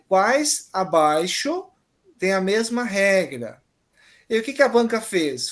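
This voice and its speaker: A man teaching an online exam-prep grammar lesson, patiently explaining and often checking that students follow. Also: high voice.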